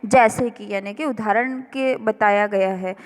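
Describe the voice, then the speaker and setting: A woman teacher explaining a revision lesson slowly and carefully, word by word. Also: medium pitch, big-room sound. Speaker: school teacher. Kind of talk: recorded classroom revision lesson.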